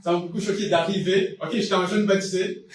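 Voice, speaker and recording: A fast-talking young Brazilian man, high-voiced and steady, gives a loose, conversational sermon marked by fillers and false starts, in a Brazilian Portuguese accent. The distant mic picks up the echo of the church hall, background noise, and the congregation's responses.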